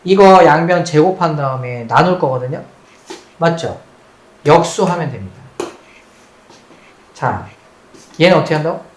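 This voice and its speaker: A math teacher lectures at the board in a recording, repeating key points and quizzing students while mixing polite and casual speech. The voice is medium-pitched, expressive and unhurried, with frequent pauses. There's a roomy echo and faint background noise.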